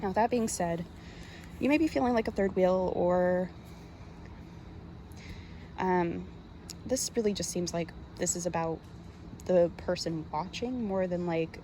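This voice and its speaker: A woman's voice: lowish voice, gravelly, noisy background. A woman giving a casual, chatty tarot reading straight to the viewer, speaking informally with plenty of slang. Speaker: tarot card reader.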